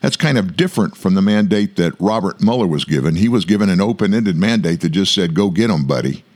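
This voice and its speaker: A man hosting an online political news commentary show, speaking emphatically with drawn-out stresses and asides to his listeners. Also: low-pitched, a little mellow.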